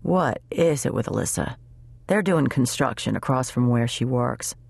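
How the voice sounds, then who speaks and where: A woman voicing a gruff, chatty older male tire mechanic with an easygoing, folksy way of talking. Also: rumbling low, animated, moderate pace, darkish tone, no echo, heavily acted. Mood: grumbling.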